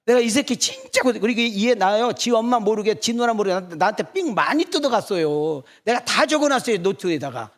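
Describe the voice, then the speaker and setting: A middle-aged male pastor preaching in a church, teasing the congregation with rapid rhetorical either-or questions. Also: high voice, lively intonation. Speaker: senior pastor. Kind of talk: sermon.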